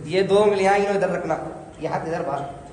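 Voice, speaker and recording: High-voiced man teaching in an echoey hall. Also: brisk, a little mellow. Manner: demonstrating, correcting and coaxing learners. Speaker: religious teacher. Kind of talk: hands-on prayer instruction. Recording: echoey hall, faint noise.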